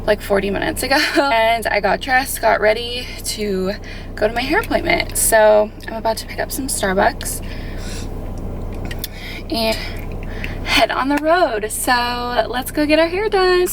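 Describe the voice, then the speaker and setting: Creaky woman vlogger with rusty morning voice. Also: a little high, takes it slowly, slight background noise, poor audio. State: morning voice, slightly rusty and unused. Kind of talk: casual vlog chat to viewers.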